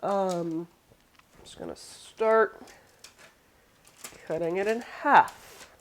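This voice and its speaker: Slow-talking woman hosting a cooking demo. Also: medium pitch. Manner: rambling, self-deprecating, munching snacks while talking. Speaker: cooking show host. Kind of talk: casual live cooking demo.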